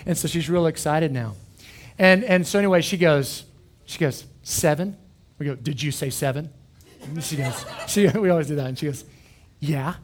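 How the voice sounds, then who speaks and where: A man speaks as a youth pastor. His voice sits a little high. He rambles through a casual sermon in an animated, self-deprecating way. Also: brisk. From Oklahoma.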